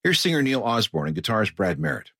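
A man's voice: mid-range voice, sing-song, fast talker, vocal fry, a bit bright, husky, dry recording, studio quality. A man hosting a music radio show, narrating a script in a conversational, wry way. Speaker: radio host.

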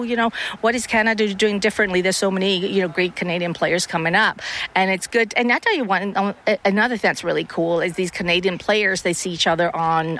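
A middle-aged woman from Hong Kong speaks as a tennis coach in a radio interview. Her voice has a bright, ringing tone. She talks in halting bursts with frequent fillers and restarts. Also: lowish voice.

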